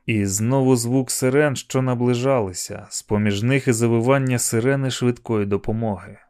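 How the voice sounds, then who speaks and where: Man reading an audiobook, steady. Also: mid-range voice, moderate pace, clean tone. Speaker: audiobook narrator. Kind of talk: scripted narration.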